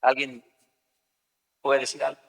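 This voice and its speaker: A man's voice: mid-range voice, little pitch movement, a little slow, creaky, fairly bright tone. A man preaching a sermon as pastor, talking conversationally and acting out everyday scenes. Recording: long reverb of a large hall.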